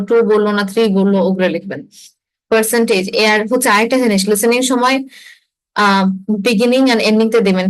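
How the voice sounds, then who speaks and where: A woman's voice: on the high side, low-quality recording. A young woman, an exam-prep instructor, explains things in a lecture and mixes in English phrases. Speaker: IELTS instructor. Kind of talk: online class lecture.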